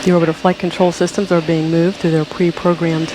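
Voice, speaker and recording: A man giving formal, measured public-affairs commentary on a launch. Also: on the high side, level tone. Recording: clearly noisy outdoor-sounding ambience.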